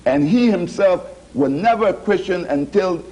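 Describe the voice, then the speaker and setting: Man, TV guest historian, relaxed conversational manner, somewhat high voice. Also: normal speed, rough recording. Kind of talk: TV studio discussion.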